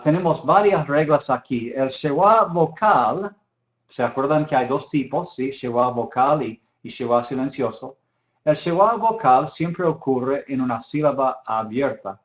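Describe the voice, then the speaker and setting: A man teaching a recorded lesson, explaining step by step and checking in with his students often. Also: mid-range voice. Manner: patient, checks in with repeated "¿sí?". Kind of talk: recorded lecture. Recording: dull roomy lecture recording.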